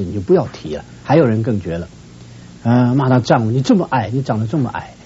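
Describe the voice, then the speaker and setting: A mellow, darker-toned man counsels his audience on marriage, earnest and admonishing. His voice leaps upward to stress his points. The recording is dull and lo-fi with a faint hiss behind him. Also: mid-range voice. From Shenyang, northeast China. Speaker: family counselor. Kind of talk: advice talk to a viewing audience.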